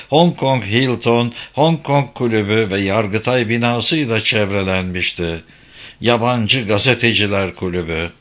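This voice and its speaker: A man narrating a novel aloud in a measured, steady reading. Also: medium pitch. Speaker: audiobook narrator.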